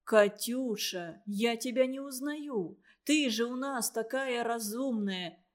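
A woman reading a storybook, voicing a kindly, portly middle-aged uncle who talks slowly and soothingly. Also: fairly high pitch. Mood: coaxing.

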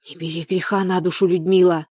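A woman's voice: on the low side, little pitch movement, a little fast, a little mellow, no room sound, studio quality, close to an everyday voice. A woman voicing a fussy village neighbor who acts as midwife, scolding and fussing in a folksy way. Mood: shocked pleading.

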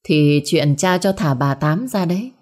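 A woman's voice: deep voice, expressive, unhurried, darkish tone. A woman voicing a stern, curt young husband in a storybook.

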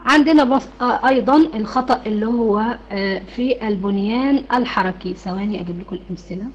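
A woman's voice: a little high, fast talker, highs cut off. A woman with an Egyptian Arabic accent teaching an online Quran recitation class, asking her students questions and then answering them herself.

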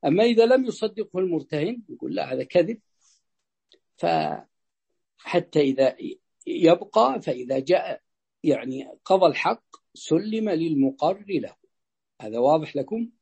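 A man teaching jurisprudence to students, explaining slowly, repeating phrases and checking whether they understand. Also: on the high side, sing-song, creaky, a little mellow, slightly rough. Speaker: sheikh teaching Islamic jurisprudence. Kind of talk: explaining a fiqh text to students.

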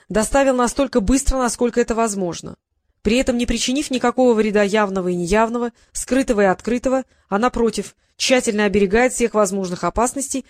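A woman's voice: medium pitch, close to an everyday voice. A woman reading an audiobook, voicing a stubborn, clever young male wizard with a firm, indignant manner. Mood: formal.

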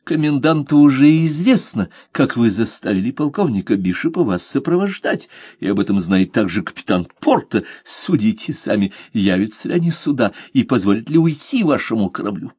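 A man's voice: mid-range voice, sing-song, moderate pace, few pauses, darkish tone, breathy edge, no echo, clean studio sound. A man voicing a haughty English lord who speaks sharply and indignantly. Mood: contemptuous. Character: haughty angry English lord, male adult.

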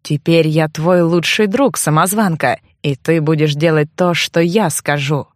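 Sly sneering young man in an audiobook, low-pitched and purring, voiced by a female narrator. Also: a little slow, no echo, studio quality. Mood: menacing. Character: young man, mocking, menacing, smug blackmailer.

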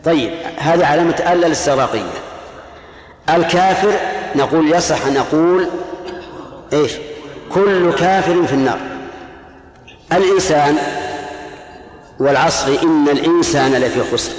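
A man's voice: on the high side, moderate pace, long pauses. Man lecturing in an echoey hall. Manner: explains patiently, quizzes students. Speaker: teacher of Islamic jurisprudence. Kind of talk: classroom lecture.

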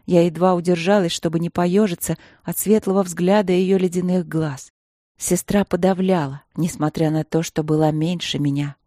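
A woman reading a first-person audiobook in a steady, dramatic way. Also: on the low side, moderate pace, dry recording, studio quality. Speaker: audiobook narrator.

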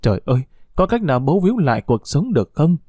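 A man's voice: a little high, big pitch swings, quick pace, warm tone, husky, dry recording, clean studio sound. A man voicing a frightened young wife and mother who pleads tearfully, in an audiobook. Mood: pleading.

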